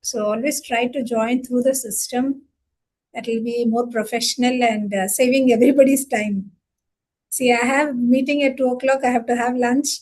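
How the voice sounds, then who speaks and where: A woman's voice: a little high, fairly even intonation, moderate pace, a little mellow, rough recording. A woman speaking as a conference organizer on an online call, instructive and admonishing.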